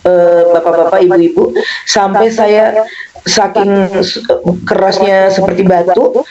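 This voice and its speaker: A woman giving a rambling, animated personal testimony to an audience, acting out her own exclamations as she tells it. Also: medium pitch. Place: event with a live audience. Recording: muffled recording with crowd noise.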